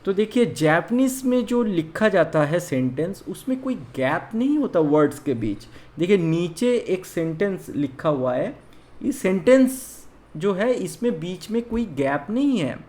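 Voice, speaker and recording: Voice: medium pitch, sing-song, unhurried, a little mellow. A Japanese language teacher from India giving an online beginner lesson, explaining patiently and counting out writing strokes aloud.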